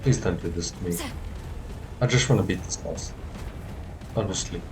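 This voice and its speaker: A man with a deep voice streams a video game at a normal pace, chatting casually to himself, often repeating short phrases and swearing mildly. Video game music plays behind him, making the background noisy.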